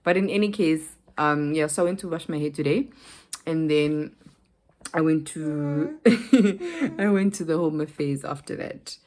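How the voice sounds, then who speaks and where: A young woman with a South African accent talks straight to her camera in a loose, rambling way, full of fillers, restarts and side tracks. Her voice sits low and lands heavily. She tells her story the way she would tell a friend. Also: unhurried, a little mellow. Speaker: vlogger. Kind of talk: casual chat to camera.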